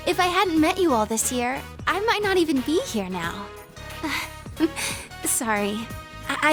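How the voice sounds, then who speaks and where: A woman voicing a shy, gentle teenage schoolgirl in a video game, speaking softly and earnestly. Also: sits high. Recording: game audio with background music.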